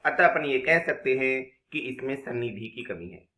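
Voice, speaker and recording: A man's voice: mid-range voice, normal speed, pushed and bright, roomy sound. A man teaching an exam-prep grammar lesson, explaining step by step and asking and answering his own questions. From India.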